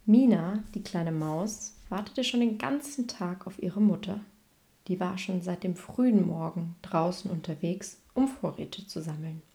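A woman reading a children's bedtime story aloud, gently and evenly. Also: lowish voice, unhurried. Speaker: storybook reader.

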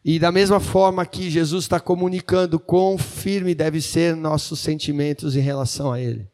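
Male church interpreter with a slightly high voice, translating a sermon line by line and fixing his words as he goes. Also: steady tone, moderate pace, darkish tone, soft background music. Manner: translating phrase by phrase, with small fillers and self-corrections.

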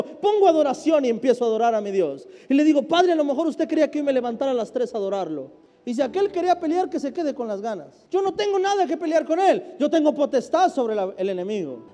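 A man preaching a sermon as pastor, emphatic, swinging between loud and hushed. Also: extremely high pitch. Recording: hall reverb with faint music.

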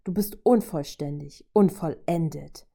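A woman's voice: low-pitched, measured pace, creaky, mellow, slightly rough, heavily acted. A woman voicing a brave, earnest young heroine who speaks firmly and pleads with raised voice.

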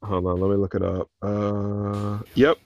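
A man co-hosting a casual soccer podcast, speaking slowly and hesitantly on a dull lo-fi mic. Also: on the low side, completely flat delivery, a little mellow. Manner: slow, hesitant, recalling old trips. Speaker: podcast co-host.

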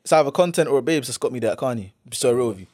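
A man's voice: medium pitch, lively intonation, very fast, darkish tone, no room sound, studio quality. A man with an urban London roadman accent, chatting casually and emphatically in heavy street slang, often repeating himself for effect. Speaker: podcast co-host. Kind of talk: casual banter.

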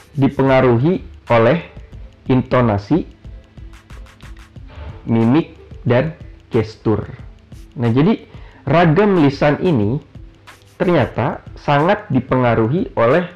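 A man's voice: mid-range voice, darkish tone, lo-fi sound. A man giving a casual classroom-style lesson, chatty, with many fillers and self-corrections. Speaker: teacher.

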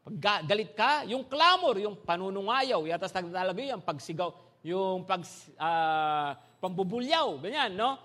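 Speaking at a measured pace in a high voice, a Filipino-accented male pastor delivers a bilingual sermon to a congregation. His style is lively, packed with rhetorical questions that check the people keep up.

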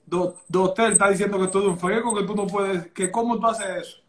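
A man's voice: sits high, fairly even intonation, fairly quick, a bit bright. A man hosting a casual live chat, cutting in often to question his guest. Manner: keeps interrupting to question the guest. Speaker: host.

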